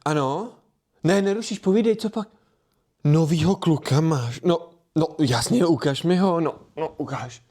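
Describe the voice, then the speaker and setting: A man doing a low, growly dad. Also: a little mellow, close to an everyday voice. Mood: doting. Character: gruff father, doting on his daughter and harsh with his son.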